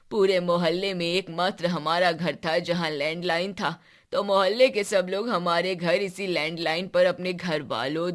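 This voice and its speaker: Old ex-soldier grandpa in a cartoon, slow and fond, voiced by a woman. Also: on the low side, lightly acted. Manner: slow, fond, scolding then gentle. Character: elderly grandfather, former soldier, sentimental.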